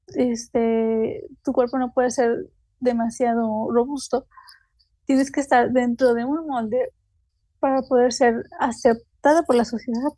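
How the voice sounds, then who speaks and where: Recorded with no echo, a seminar speaker with a Mexican Spanish accent presents an academic talk she reads loosely. Her voice is mellow and fairly high, and her halting delivery is packed with fillers like "eh" and "este."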